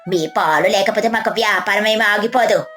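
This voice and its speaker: A woman voicing a greedy, sharp-tongued shopkeeper's wife who talks dismissively. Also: mid-range voice, moderate pace, faint music behind, natural voice.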